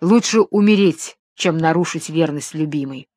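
A woman's voice: deep voice, normal speed, darkish tone, no echo, studio quality. A woman voicing a loyal young prince who pleads and defies in a storybook tale. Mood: defiant. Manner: pleading, defiant. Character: young loyal male prince, steadfast and defiant.

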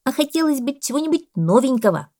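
A woman voicing a fussy, self-important male parrot who talks loudly and lectures. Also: mid-range voice, sing-song, normal speed, pitched above the performer's own voice. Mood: stern. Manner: loud, bossy and lecturing.

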